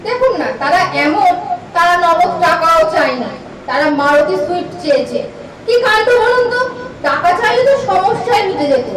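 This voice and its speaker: Woman playing a bold, high-pitched young Indian Bengali bride-to-be. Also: expressive, moderate pace. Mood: chatty, teasing. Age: young adult. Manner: chatty, teasing, bossy. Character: bold, teasing young prospective bride, demanding and inquisitive. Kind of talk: light romantic comedy drama acting. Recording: echoey room, distant mic, clear background noise.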